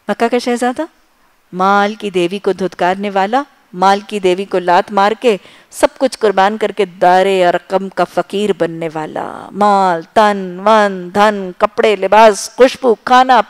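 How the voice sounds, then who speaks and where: Impassioned woman preaching in short bursts. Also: clear, resonant tone. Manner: impassioned, rhythmic lists of short phrases; swings between loud emphasis and soft low asides. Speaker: Islamic preacher. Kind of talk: sermon.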